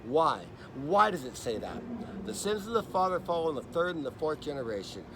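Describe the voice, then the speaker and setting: A man's voice: fairly high pitch, very animated, normal speed. A man pressing a stranger with intense, probing, profane questions in a casual outdoor conversation. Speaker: vlogger interviewing a stranger. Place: outdoors in a park by traffic. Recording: loud outdoor noise, traffic nearby.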